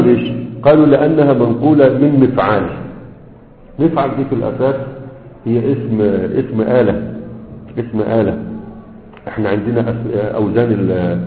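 A man's voice: mid-range voice, slight background noise. A man with an Egyptian Arabic accent teaching a grammar class, explaining step by step and checking that his students follow. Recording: tinny lo-fi recording in an echoey hall.

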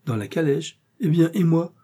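A man's voice: fairly high pitch, expressive, moderate pace, warm tone, slightly rough, voice pushed up. A man voicing a fussy, wealthy husband who grumbles in a sulky, put-out way. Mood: grumpy.

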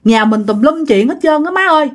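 An anxious older woman pleads, voiced by a woman storyteller. Her questions climb high and swing widely in pitch. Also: animated, fairly quick. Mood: pleading.

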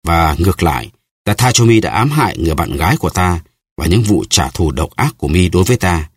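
A man's voice: sits low, very animated, fast talker, breathy edge, no room sound, studio quality, heavily acted. A man reading an audiobook, voicing a young swordsman who speaks in an earnest, anguished way.

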